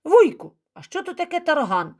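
Lady doing a big naive farm lad, plain-spoken, a bit higher than her own voice. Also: sing-song, normal speed, darkish tone. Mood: curious. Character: huge young village man, simple, good-natured.

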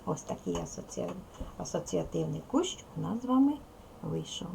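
Her voice is low, gravelly and mellow with big pitch swings and a moderate pace as she, a primary school teacher, patiently sounds out syllables one at a time in a recorded lesson for second graders. A faint hiss or hum runs underneath.

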